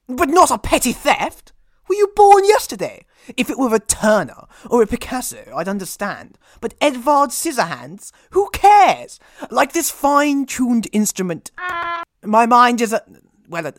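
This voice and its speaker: Comic audio drama: vain, petulant gentleman detective, played by a woman, highly animated, lower-pitched for a female voice, dry recording. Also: normal speed, no room sound. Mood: indignant, boastful. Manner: pompous, theatrical, petulant. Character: vain, lazy, pompous famous male detective.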